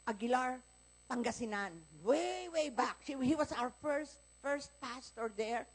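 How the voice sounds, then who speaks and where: High-voiced Filipino woman pastor preaching. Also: takes it slowly, gravelly, slightly rough. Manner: animated storytelling, acts out dialogue in quoted voices. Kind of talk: Sunday sermon. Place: church service, recorded live.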